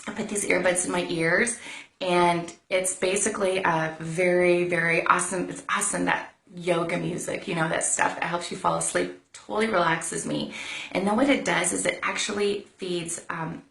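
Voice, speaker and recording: A woman's voice: lowish voice, fairly even intonation, moderate pace, vocal fry, a bit bright. A woman giving a casual motivational talk on a live stream, chatty and repeating herself as she goes. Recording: roomy echo.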